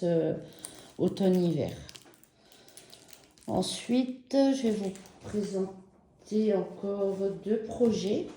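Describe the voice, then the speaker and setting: A French woman chatting casually and enthusiastically about her embroidery projects in a vlog, slow and gentle with many fillers. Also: medium pitch, echoey room. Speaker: embroidery vlogger. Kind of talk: casual show-and-tell vlog.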